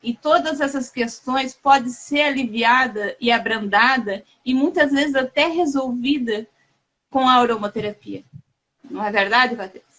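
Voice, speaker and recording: A woman hosting a casual live chat, talking in a warm, halting way with many restarts and fillers. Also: fairly high pitch, low-quality recording. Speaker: host.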